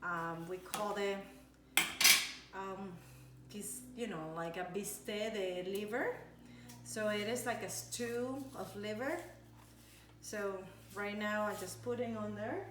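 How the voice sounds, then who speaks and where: Woman, nutritionist, cooking demonstration, chatty, word-searching, mid pitch, echoey kitchen, faint dish clatter. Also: slow. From Ecuador. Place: home kitchen.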